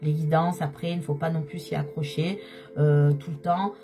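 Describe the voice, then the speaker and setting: A slightly hoarse woman giving a tarot reading, speaking straight to her viewers and repeating key phrases for emphasis. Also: low voice, steady tone, normal speed, music in the background. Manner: repetitive, emphatic, addresses viewers directly. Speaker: tarot card reader.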